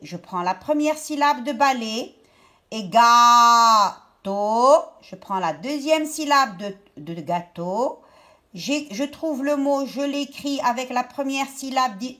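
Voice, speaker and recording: A woman teacher talking young pupils through a worksheet step by step, stretching out each word slowly. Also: sits high, animated. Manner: slow, step-by-step, drawn-out words for young pupils. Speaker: primary school teacher. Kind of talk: remote lesson explaining a worksheet.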